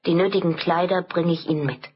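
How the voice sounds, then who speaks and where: Woman voicing a young officer, husky, quick and reassuring. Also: steady tone, lo-fi sound. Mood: courteous. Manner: brisk, reassuring, lowered pitch. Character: earnest young male army lieutenant.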